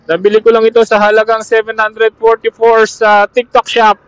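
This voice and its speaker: A Filipino-accented man with a high, monotone, clear and resonant voice speaks at normal speed, chatting casually with fellow riders as a motovlogger reviewing gear. He's riding a motorcycle on an outdoor road, using his helmet intercom as an external camera mic. The dry recording comes through dull and muffled over Bluetooth.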